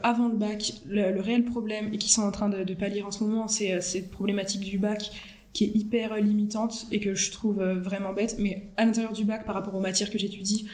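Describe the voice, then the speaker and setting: Young french woman on a video call, talks super fast, chatty, lots of fillers, echoey room. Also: medium pitch, little pitch movement, a little mellow. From France. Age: 20s. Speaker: interview guest, student. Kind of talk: casual chat over a video call.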